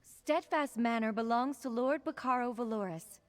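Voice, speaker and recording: An actress playing a caring but stern healer in a video game, speaking in an earnest, measured, polite way. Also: female voice, fairly high pitch, close to an everyday voice. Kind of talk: video game quest dialogue.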